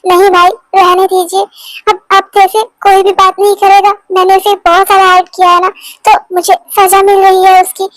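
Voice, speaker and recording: A woman's voice: extremely high pitch, monotone, normal speed, a bit bright, no echo, soft background music, rough recording. A woman voicing a heartbroken young man who pleads with his girlfriend and stammers over his words, in a fan-dubbed romance. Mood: resigned. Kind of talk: Hindi fan dub of a romance story.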